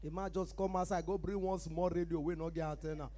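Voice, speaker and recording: A man with a Nigerian Pidgin accent doing a loud, chatty stand-up set on a live stage, calling out to the crowd as he tells his stories. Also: fairly high pitch, fairly even intonation, quick pace, heavy background noise. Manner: loud, chatty storytelling with crowd call-outs. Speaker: stand-up comedian.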